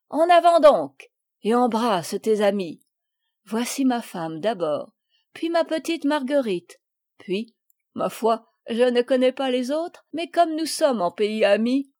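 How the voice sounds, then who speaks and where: A woman's voice: fairly high pitch, darkish tone, voice pushed up. A woman reading as a hearty old sea commander. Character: hearty naval commander, middle-aged man, warm.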